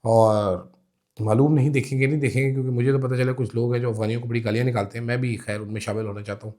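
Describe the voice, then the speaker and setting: A man's voice: medium pitch, steady tone, fast talker, dark tone. A man with a Pakistani Urdu accent, delivering a political commentary monologue with sarcastic, mocking asides.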